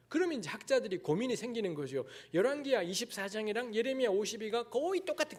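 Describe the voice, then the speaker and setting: Standing in a church sanctuary as a guest preacher, this Daegu man delivers a lecture-style sermon full of blunt, candid remarks and frank asides. His pitch is extremely high, with a slightly mellow quality.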